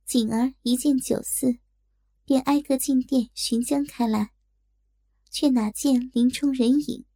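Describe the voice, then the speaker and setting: A woman narrating a story in a slow, deliberate storytelling manner. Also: high-pitched, fairly even intonation, mellow, no echo, studio quality.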